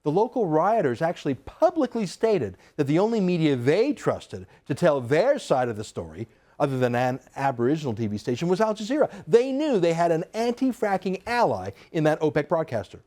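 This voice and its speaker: A man's voice: a little high, sing-song, a little fast, warm tone. Emphatic, sarcastic male TV commentator. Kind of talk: TV opinion monologue.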